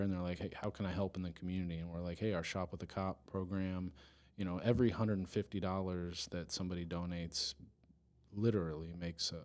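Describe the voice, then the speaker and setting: Deep-voiced man, earnest and halting. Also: a little mellow. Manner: earnest, halting with restarts, laughs easily. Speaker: police department chief of staff, guest. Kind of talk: casual podcast interview.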